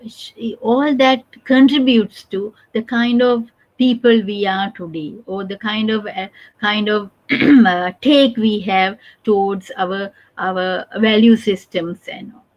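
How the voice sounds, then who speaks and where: A middle-aged woman from Sri Lanka, giving an academic conference talk in a halting, discursive way with many restarts. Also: on the high side, steady tone. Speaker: conference speaker. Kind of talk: academic lecture. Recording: dull lo-fi recording.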